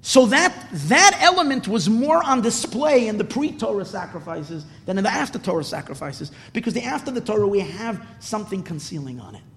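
Male rabbi, high voice, emphatic lecturing rhetorical questions, long room reverb. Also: very animated, a little fast, hardly any pauses, fairly bright tone, slight background noise. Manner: emphatic, repeats phrases, asks and answers own questions. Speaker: rabbi teaching a Torah class. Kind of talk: religious lecture, teaching unscripted. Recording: reverberant hall.

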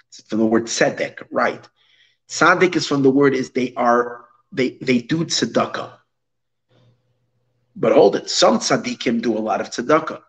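In a muffled recording, a man with a medium-pitched voice and vocal fry teaches a religious lecture. He reads out phrases and translates them, leaning on emphatic repetition and rhetorical questions to explain.

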